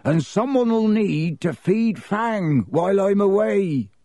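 A huge, shaggy, hot-tempered man, loyal and rough. His gruff growl swings widely in pitch, with rustic dropped sounds, in a storybook style. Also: sing-song, slow pace, darkish tone, no echo, studio quality, full character voice. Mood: gruff, deliberate.

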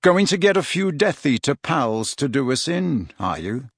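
A man's voice: mid-range voice, sing-song, normal speed, no room sound, studio quality. A man voicing a defiant teenage boy hero in a storybook, boldly taunting and mocking. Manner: taunting, bold.

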